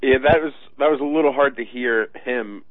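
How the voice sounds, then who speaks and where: A man giving halting, sardonic political commentary in a conversational style over the phone. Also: medium pitch, no room sound. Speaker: political talk radio commentator. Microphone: phone line. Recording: tinny phone-line sound.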